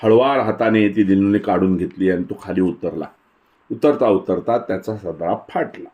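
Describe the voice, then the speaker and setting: A man narrating a literary short story in a measured, descriptive way. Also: low voice, phone-quality sound. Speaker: story reader.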